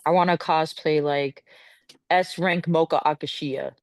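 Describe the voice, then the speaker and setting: A woman's voice: low voice, fairly even intonation, measured pace, no room sound. A young adult woman talking as a podcast guest in casual, blunt, slangy and profane chat. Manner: blunt, informal.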